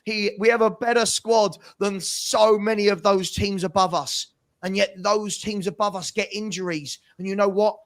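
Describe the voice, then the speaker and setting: Speaking as a football fan pundit, a man launches into a passionate, exasperated opinion rant, driving his points home through emphatic repetition. His voice sits high, with a steady tone at normal speed.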